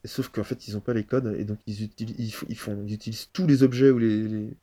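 A man's voice: on the low side, steady tone, fast talker, mellow, slightly rough. A man being interviewed as a guest improviser, thinking aloud with many restarts. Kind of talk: casual interview chat.

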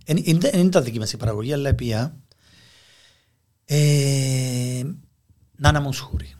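A man's voice: mid-range voice, a little mellow. A man with a Greek Cypriot accent, chatting casually in colloquial dialect as a podcast guest. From Cyprus. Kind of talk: casual conversational interview.

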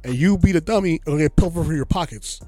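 A man's voice: on the high side, quick pace, soft background music. A man co-hosting a podcast, ranting in casual chat and sometimes mocking voices. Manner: animated, ranting, mocking voices mid-rant. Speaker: podcast co-host.

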